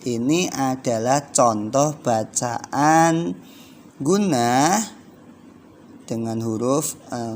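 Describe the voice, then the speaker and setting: A man with a Javanese Indonesian accent gives a recorded lesson to young children, speaking very slowly and patiently. He stretches out the words he recites and counts the class in before they read together. A faint background hiss sits under his voice. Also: mid-range voice. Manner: slow, patient explaining with drawn-out recitation. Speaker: primary school teacher.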